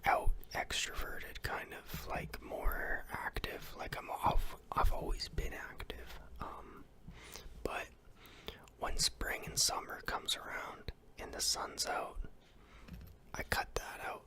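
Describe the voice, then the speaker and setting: ASMR whisper vlogger, fully unvoiced breathy whisper, loose chatty rambling, swears freely, close mic. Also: a little slow. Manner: rambling and casual, with ums, swearing and restarts. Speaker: YouTuber. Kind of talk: ASMR whisper about their day.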